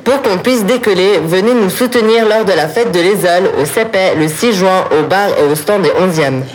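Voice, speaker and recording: A woman voicing a male airline captain who makes a formal cabin announcement in a student radio skit, with her voice pushed down low. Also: moderate pace, natural voice, poor audio. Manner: mock pilot announcement, lowered voice.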